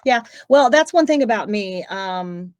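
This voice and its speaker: A woman's voice: medium pitch, animated, measured pace. A middle-aged woman from Tennessee, a voice actress as guest, talking in a rambling, open, chatty way during a casual interview. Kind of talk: casual interview over a video call.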